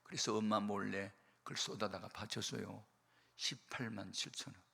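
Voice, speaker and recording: An older male pastor preaching a sermon, telling a story with emphatic swings from quiet to loud. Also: lowish voice, normal speed, vocal fry, husky. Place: church or prayer hall. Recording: long hall reverb.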